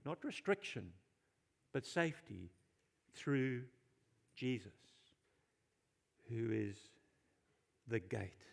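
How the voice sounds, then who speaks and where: A man's voice: medium pitch, big pitch swings, drawn-out words, vocal fry, pauses often. A male pastor preaching a sermon in a church, informal and jokey, questioning the congregation and repeating key phrases for emphasis.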